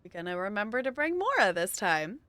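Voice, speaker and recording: A woman's voice: medium pitch, very animated, fairly quick, sharp tone, slight background noise. A woman streaming a game with casual, chatty commentary, giggly and thinking aloud.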